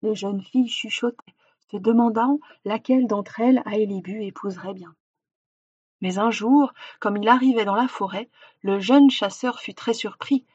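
A woman reading a storybook aloud with expressive narration that slows for effect. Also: medium pitch, slightly rough, dry recording. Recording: dull, dry recording.

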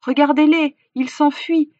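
A woman's voice: fairly even intonation, normal speed, slightly rough, dry recording. A woman reading a storybook, voicing a young male village hunter who pleads in a raised voice. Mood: pleading. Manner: pleading, raises voice high and loud. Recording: dull, dry recording.

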